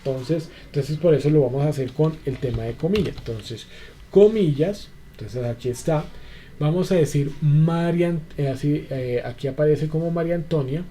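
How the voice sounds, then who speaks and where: A man's voice: fairly high pitch, normal speed, dark tone, a little hiss or hum. A man teaching an online spreadsheet class, walking through each step patiently with many repeated fillers. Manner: patient, repetitive, fillers like "entonces" and "listo". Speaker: instructor.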